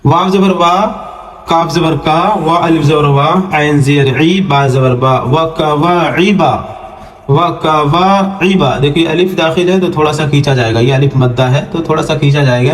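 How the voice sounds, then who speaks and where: Guy teaching quran letters, spells them slow, fast low asides, bit high voice, echoey room. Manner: spells out letters and vowels, then slowly drawn-out syllables; quick, low asides explaining rules between the slow readings. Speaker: Arabic reading teacher. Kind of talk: online Quran reading lesson.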